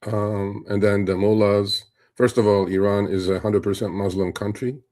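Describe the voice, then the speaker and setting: Hosting a live stream, a middle-aged man from Turkey offers casual, meandering commentary crowded with fillers and side remarks. He talks at a moderate pace, his fairly low, dark voice keeping a level tone.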